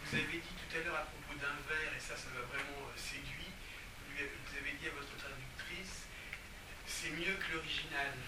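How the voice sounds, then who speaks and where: A man's voice: fairly high pitch, steady tone, moderate pace. Earnest male audience member, far off. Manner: earnest, winding and reflective. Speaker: audience member asking a question. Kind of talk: question from the audience. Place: room at a public event. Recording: roomy, distant, loud room noise.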